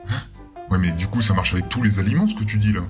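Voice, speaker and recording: A deadpan, sarcastic filter character with a pitch-shifted low voice, as a man puts it on. The tone is flat and dry, with music running underneath. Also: fast. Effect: pitch-shifted down by a phone filter.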